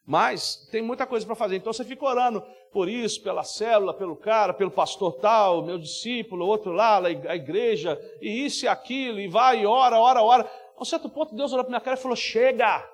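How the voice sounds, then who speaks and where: An animated male guest preacher delivering a sermon. He speaks in a notably high register and keeps acting out little scenes. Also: fast, hardly any pauses. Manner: animated, with many acted-out voices. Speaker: guest preacher and worship minister.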